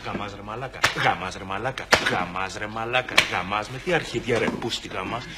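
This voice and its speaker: A man's voice: fairly low pitch, close to an everyday voice. A man playing a menacing thug who repeats crude threats and demands an apology. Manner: repetitive barked threats. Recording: loud noisy recording with clicks.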